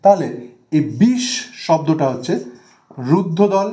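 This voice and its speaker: A man teaching a grammar lesson for exam preparation, speaking slowly and deliberately, repeating and stretching out example words, with a West Bengal Bengali accent. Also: on the high side, lively intonation, dark tone.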